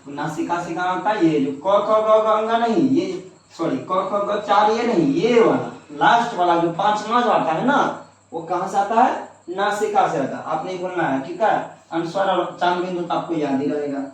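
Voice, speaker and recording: A man's voice: sits high, normal speed, heavy reverb, recorded from a distance, poor audio. A man teaching a grammar lesson to students, asking questions and answering them himself.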